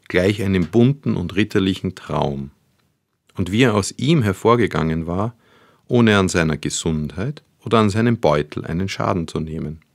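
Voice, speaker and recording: A man narrating a literary audiobook in a measured, even manner. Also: deep voice, gravelly, dry recording, studio quality.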